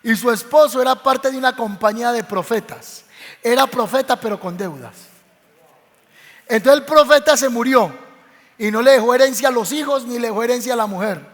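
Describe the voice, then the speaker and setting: Preaching in a church hall whose long reverb fills the recording, a male pastor with a Colombian Spanish accent from Medellín narrates a Bible story and performs its voices. He talks briskly in a very high voice.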